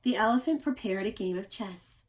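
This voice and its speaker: Reading to a group of young kids, this teacher has a mid-range voice with a faint hiss or hum in the recording. She stresses words expressively and on purpose, and she pauses to ask little questions.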